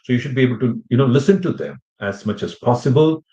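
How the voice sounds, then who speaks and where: A man's voice: medium pitch, lively intonation, quick pace, dark tone. A man teaching an informal class for students preparing for an English test, talking in a loose, rambling way full of "you know" asides. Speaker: IELTS teacher. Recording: roomy, slightly dull audio.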